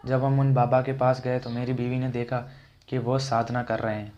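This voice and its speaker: Flat-voiced man reading a ghost account. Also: medium pitch, moderate pace, muffled recording. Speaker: storyteller of a first-person ghost account. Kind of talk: scripted first-person narration.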